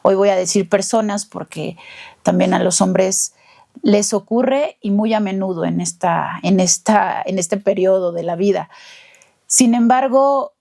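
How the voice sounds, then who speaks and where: A woman leads an interview at an unhurried pace. She speaks in a measured, deliberate way, in the middle of the pitch range. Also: vocal fry, warm tone. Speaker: interviewer, lawyer. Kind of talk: empathetic interview commentary.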